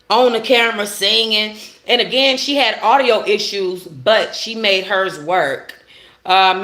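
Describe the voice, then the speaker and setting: A woman hosting a casual commentary chat, animated and laughing, with loud exclamations. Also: mid-range voice, reverberant. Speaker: podcast host.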